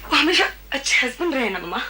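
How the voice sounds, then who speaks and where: A woman's voice: high-pitched, very animated, fast talker, pushed and bright, heavily acted, poor audio. An actress in her thirties playing a married daughter who keeps pleading with her mother, in a television drama. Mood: insistent. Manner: pleading, repeats "mamma", mixes in English phrases. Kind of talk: 1990s television drama acting. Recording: hissy old TV archive recording.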